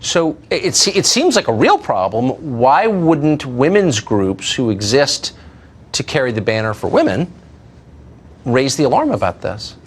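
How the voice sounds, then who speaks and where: A man hosting an interview, asking his guest questions in an earnest, conversational way and restarting some of his sentences. His voice is husky and his pitch moves around a lot as he speaks. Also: sing-song, unhurried.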